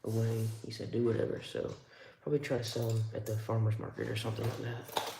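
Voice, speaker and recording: A man's voice: on the low side, monotone, quick pace, vocal fry, reverberant, noisy background. A man streaming live, giving casual, rambling commentary with wry remarks as he handles tools.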